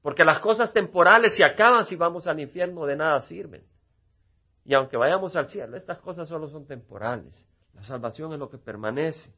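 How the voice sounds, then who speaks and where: A male pastor preaches a sermon in a husky, slightly raised voice. He swings from loud emphasis to quiet asides and acts out small dialogues along the way. The recording sounds dull and lo-fi. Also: fairly high pitch, animated, fairly quick. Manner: acts out little quoted dialogues.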